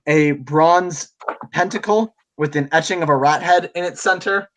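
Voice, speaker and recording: A man narrates a tabletop fantasy game as its game master. His pitch is a little high. He talks casually and improvises in a halting way. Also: slight background noise, poor audio.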